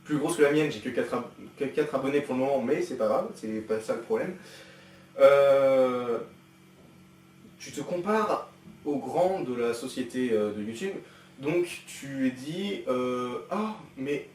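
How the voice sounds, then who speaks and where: A man's voice: mid-range voice, a little mellow, slight background noise. A young man mocks another creator's video in teasing, sarcastic commentary. He sits a little away from the mic, so his voice carries a noticeable room echo. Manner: sarcastic, teasing, quick asides. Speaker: reaction youtuber. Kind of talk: mocking reaction commentary. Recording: echoey room, distant from the mic.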